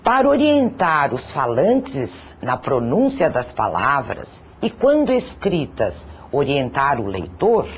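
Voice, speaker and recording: A teacher narrating a grammar lesson, deliberate and careful, sounding out syllables and listing example words one by one. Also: mid-range voice, wildly swooping pitch, slight background noise. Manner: slow, deliberate, spells out syllables and lists examples. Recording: dull lo-fi recording.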